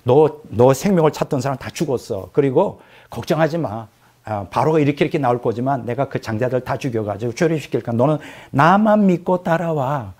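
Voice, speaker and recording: A male preacher voicing God, who speaks calmly and with command. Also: mid-range voice, brisk, close to an everyday voice. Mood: reassuring. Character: reassuring God speaking to a man.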